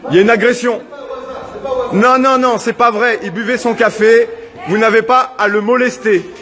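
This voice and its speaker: A man filming an arrest on his phone outdoors, shouting and pleading, telling the police to let the man go and urging him to stay calm. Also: extremely high pitch, moderate pace. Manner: pleading, repeats himself, calls out to the police and a crowd. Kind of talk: shouted street protest. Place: outdoors in a city street. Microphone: phone camera held while filming. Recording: amateur phone video with a crowd around. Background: crowd of onlookers.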